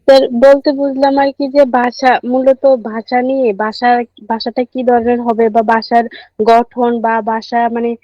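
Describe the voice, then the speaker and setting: Young woman student, unsure answers, flat mellow voice, muffled dry recording. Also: fairly high pitch, normal speed, no room sound. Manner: hesitant, apologetic. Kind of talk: answering in class.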